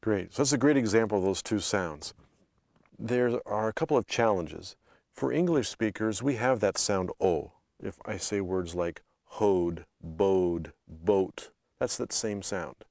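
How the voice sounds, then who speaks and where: A North American man hosting a language lesson, explaining pronunciation in a clear, steady teaching tone. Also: on the low side, moderate pace, no room sound, clean studio sound.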